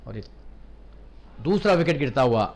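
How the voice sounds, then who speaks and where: A man's voice: mid-range voice, big pitch swings, moderate pace, a little mellow. A man giving live cricket commentary, reporting the score and describing each delivery.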